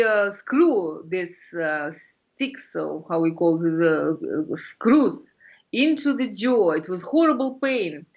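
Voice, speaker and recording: A middle-aged woman from Russia with a Russian accent, explaining things as an interview guest in halting, fragmented phrases, searching for words. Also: fairly low pitch. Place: furnished room indoors. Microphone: video call computer microphone. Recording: muffled lo-fi video-call audio.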